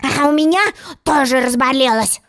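A woman reading a storybook, voicing a stubborn, boastful little boy who grumbles slowly. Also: sits high. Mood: grumbling.

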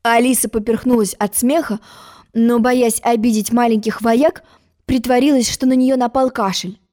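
High-voiced woman reading a fairy tale. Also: fairly even intonation, moderate pace, warm tone. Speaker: storyteller. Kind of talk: reading a children's story aloud.

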